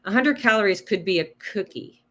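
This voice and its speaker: On a podcast, a guest health coach speaks a little fast in a mid-range voice, keeping the interview chat casual. She's animated, breaking nutrition down with numbers and rhetorical questions and often asking "right?".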